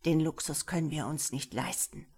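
A woman's voice: deep voice, moderate pace, a little mellow, slightly rough. A woman reading an audiobook, voicing an impatient young husband who talks in a curt, dismissive way. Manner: curt and scornful.

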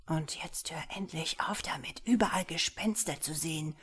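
A woman's voice: low-pitched, moderate pace. A woman reading an audiobook, voicing an impatient young husband who talks in a curt, dismissive way. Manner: curt and scornful.

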